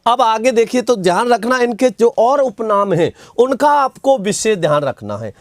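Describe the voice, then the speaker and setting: A man teaches an online grammar class in a fairly high voice. He asks questions and answers them himself, and he repeats key terms and reads out viewer comments as he goes. The sound is dry and close. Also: big pitch swings, moderate pace, dry recording.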